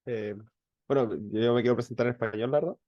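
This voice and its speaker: A man's voice: medium pitch, fairly even intonation, a little mellow, no room sound, dull audio. A young man with a Chilean accent introducing himself, with frequent eh fillers. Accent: Chilean Spanish. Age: young adult. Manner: fast, filler eh. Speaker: law student. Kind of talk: self-introduction.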